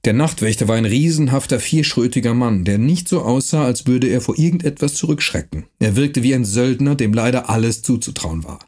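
A man narrating a historical novel in a measured storytelling manner. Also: medium pitch, expressive, warm tone. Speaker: audiobook narrator.

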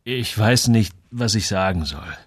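A man's voice: lowish voice, expressive, unhurried, husky, dry recording, clean studio sound. A man reading the part of a stubborn, bitter middle-aged father who speaks bluntly and curtly. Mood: sullen. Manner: blunt and curt.

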